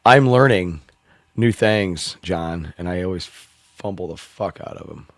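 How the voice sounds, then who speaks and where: A slightly hoarse man hosting a live open-mic stream, rambling, swearing and laughing in casual chat. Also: sits low, measured pace.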